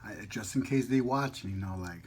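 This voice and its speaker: A man with a low, darkish voice speaks at normal speed against slight background noise. He is a food vlogger eating on camera, chatting in a casual, playful mukbang style and drifting into light rambling.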